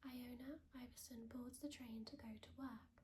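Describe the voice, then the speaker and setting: A woman performs a whispered role-play as a kindly librarian in a soft, unhurried library whisper. Her voice is mellow and rather high. There is noticeable background noise in the recording. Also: steady tone. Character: gentle, helpful librarian recommending books. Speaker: ASMR creator playing a librarian.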